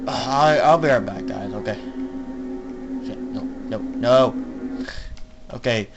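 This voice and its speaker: A young man casually commenting on a game he is playing, laughing a lot and shouting in panic when scared. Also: mid-range voice, takes it slowly, muffled recording, music in the background. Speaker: gamer.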